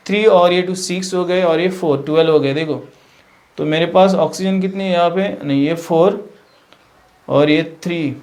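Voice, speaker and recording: A man's voice: fairly high pitch, normal speed, darkish tone. A male science teacher who works through a chemistry lesson at the board, thinking aloud with fillers and self-corrections.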